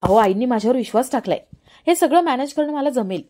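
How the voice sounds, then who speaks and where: Dutiful young wife, polite and reassuring, fairly high, mellow tone, read by a woman. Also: lively intonation, fast talker. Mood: obliging. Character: dutiful, obliging young daughter-in-law.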